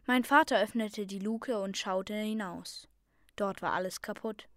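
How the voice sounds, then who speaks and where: A woman reading a fantasy story aloud in a calm, soft voice that sometimes drops to a near whisper. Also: medium pitch, unhurried, dry recording, clean studio sound.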